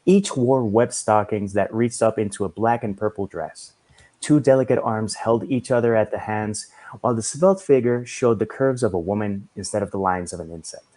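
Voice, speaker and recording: A man reading a story aloud in a measured storytelling manner. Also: fairly low pitch, warm tone. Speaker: reader.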